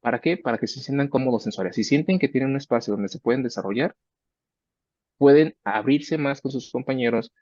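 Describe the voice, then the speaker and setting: A man of middle pitch explains how he mentors his research students, slipping into the voices of both sides of their talks. The sound is dry and a little dull. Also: a little mellow, no echo. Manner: conversational, acts out student dialogues. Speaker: research professor.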